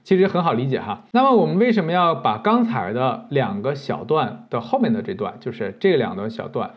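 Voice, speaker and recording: A man's voice: mid-range voice, very animated, a little fast, breathy edge, highs cut off. A man teaching video editing step by step, patient and explanatory, with many fillers. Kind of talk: screen-recorded software tutorial.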